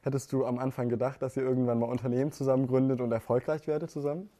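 A man hosting an interview, asking questions in a quick, chatty way. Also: mid-range voice, flat delivery, dark tone. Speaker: podcast host, interviewer.

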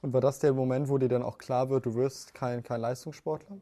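A man hosting an interview, asking questions in a quick, chatty way. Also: mid-range voice, fairly even intonation, dark tone. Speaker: podcast host, interviewer.

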